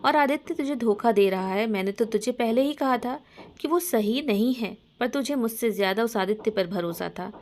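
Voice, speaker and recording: A woman's voice: a little high, normal speed, a little mellow, natural voice. Woman voicing an earnest, pleading young friend.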